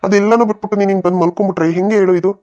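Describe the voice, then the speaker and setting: A man voicing a village neighbor and a husband in a cartoon comedy, reasoning in a plain, hurried way. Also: high voice, fairly even intonation, a little mellow, muffled recording.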